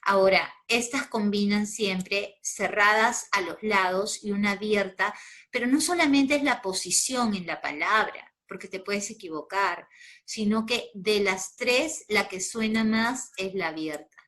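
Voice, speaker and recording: Peruvian woman, teacher; slow, patient explainer, mid pitch. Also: a bit bright. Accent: Peruvian Spanish. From Peru. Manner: patient, explains step by step with check-in questions. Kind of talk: spoken grammar lesson.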